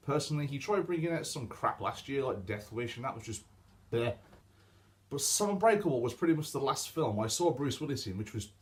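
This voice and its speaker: Casual male vlogger, opinionated and chatty, ordinary mid pitch. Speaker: film reviewer. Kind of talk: casual review vlog.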